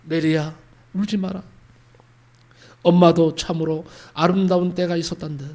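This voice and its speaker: A gentle, loving mother speaks softly and tenderly to comfort her child, as a male pastor puts her on. The voice is quiet and lowered, with a fairly high natural pitch underneath. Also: steady tone, normal speed. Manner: soft, low, tender storytelling.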